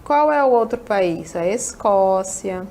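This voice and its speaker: Warm and slow, her medium-pitched voice has lively intonation. She's an English teacher from Amazonas in northern Brazil, recorded mid-lesson and frequently turning to students with tag questions.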